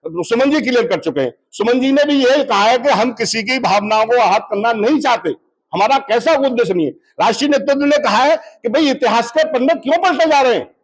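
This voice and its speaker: A man's voice: very high voice, lively intonation, brisk, rough recording. A party leader, a man, giving a formal statement to reporters, using honorifics and stopping to restart phrases.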